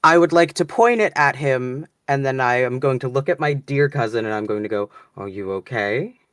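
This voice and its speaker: A woman's voice: rumbling low, a little fast, clear, resonant tone, dry recording, clean studio sound. A woman chatting casually as a player in a tabletop role-playing game, describing what a character does.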